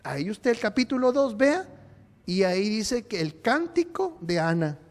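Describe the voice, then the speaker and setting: A man's voice: sits high, sing-song, measured pace. A man preaching a sermon in a church, joking and quizzing his congregation. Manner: playful, jokes and quizzes the congregation. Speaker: pastor. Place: church sanctuary. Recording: long church hall reverb.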